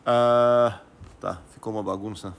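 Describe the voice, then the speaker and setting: A man's voice: on the low side, fairly even intonation, measured pace. A man giving a recorded math lecture, thinking aloud with many fillers and restarts and putting questions to the class. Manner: asks students rhetorical questions.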